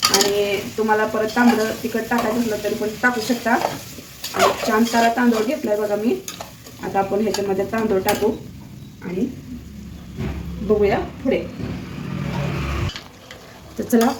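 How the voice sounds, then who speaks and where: A hoarse woman, chatting playfully to her viewers in a home cooking vlog from her kitchen. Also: mid-range voice, steady tone, normal speed, long pauses, background noise.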